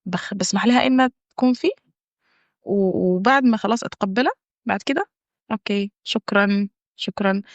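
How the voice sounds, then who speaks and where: This wellness guest talks fast with a lilt, her pitch fairly high and the audio free of echo yet dull and dry. She chats casually in Arabic mixed with English phrases, staying warm and encouraging despite frequent restarts and hesitations.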